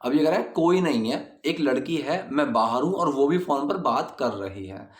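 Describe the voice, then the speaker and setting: A man teaching English grammar, reading example sentences slowly and explaining them patiently. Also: on the high side, animated, reverberant. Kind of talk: explaining grammar in a video lesson. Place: indoors at night, dogs barking outside.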